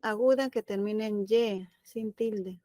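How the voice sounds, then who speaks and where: A woman's voice: medium pitch, unhurried, warm tone. Peruvian woman answering in an online class. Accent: Peruvian Spanish. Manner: answers promptly with grammar terms. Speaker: teacher attending the workshop. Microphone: video call.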